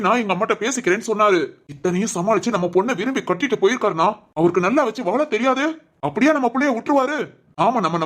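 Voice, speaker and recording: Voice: mid-range voice, lightly acted. A man voicing an angry, domineering husband in a cartoon, scolding his wife harshly. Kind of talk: cartoon family drama voice acting.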